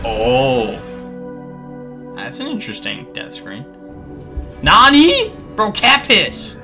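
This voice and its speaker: A young man doing casual, jokey gameplay commentary, excitable, with sudden yelps and muttered asides. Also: medium pitch, slow pace, faint music behind. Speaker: gaming streamer.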